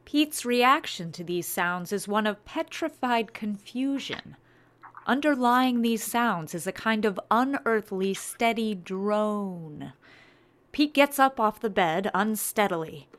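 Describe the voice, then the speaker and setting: A woman's voice: medium pitch, lively intonation, slow, a bit bright. A woman narrating, reading screenplay stage directions.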